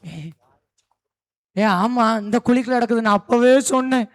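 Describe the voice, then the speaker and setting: A man doing a fretful farmer, very high-voiced. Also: steady tone, normal speed. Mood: relieved. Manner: warning, anxious, lamenting. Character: fretful farmer, goat's owner. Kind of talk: puppet show acting.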